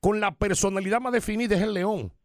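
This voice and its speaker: A man's voice: sits high, darkish tone, no room sound. A man co-hosting a radio call-in show, joking and bantering with his partner and callers in a studio. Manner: playful, teasing, quick back-and-forth. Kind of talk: lively on-air banter. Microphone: studio microphone.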